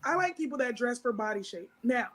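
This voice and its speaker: Frank, higher-voiced woman panelist. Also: lively intonation, a little fast, a bit bright, poor audio. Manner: frank, matter-of-fact, speaks from personal experience. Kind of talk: church panel discussion.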